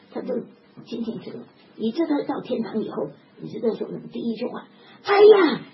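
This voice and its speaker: An older woman preaching a sermon in an animated, emphatic way, often chuckling. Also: on the high side. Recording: dull lo-fi recording with background noise.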